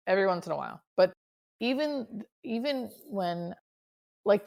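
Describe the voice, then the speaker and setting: Woman, hospice nurse in conversation. Slightly low register, plenty of fry, earnest and reflective delivery. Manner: earnest, reflective, with frequent emphatic repetition. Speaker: hospice nurse, interview guest. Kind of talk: conversational interview answers.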